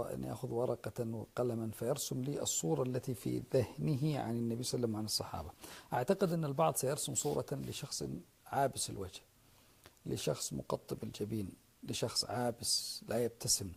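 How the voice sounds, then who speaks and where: A man's voice: mid-range voice, fast talker, gravelly, a little mellow, breathy edge. A man, a sheikh, giving an earnest religious lecture to an online audience, addressing listeners directly and repeating key names for emphasis.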